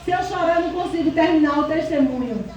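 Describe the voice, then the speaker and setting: A woman with a very high voice gives a fervent church testimony, fighting back tears as she calls out praise. She is picked up from a distance in a very echoey hall. A faint hum of the room sits underneath. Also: quick pace, a little mellow. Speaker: church member giving testimony.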